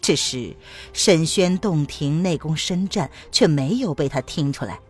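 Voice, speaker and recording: A woman narrating a martial-arts novel aloud as an audiobook, with expressive storytelling. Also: deep voice, unhurried, slightly rough, faint music behind.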